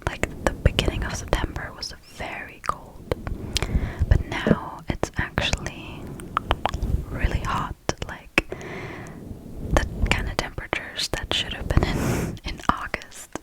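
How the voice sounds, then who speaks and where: Female ASMR host, close-miked whisper, drowsy and unhurried, casual chatting with tingly word repetition. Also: poor audio. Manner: repeats words for tingles; slow, sleepy delivery. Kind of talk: whispered ASMR chit-chat. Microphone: close mic, right by the mouth.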